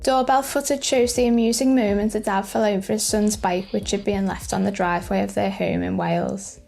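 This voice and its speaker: A woman's voice: mid-range voice, fairly even intonation, fairly quick, vocal fry, darkish tone. Woman narrating over faint music. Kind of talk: scripted light-news clip narration.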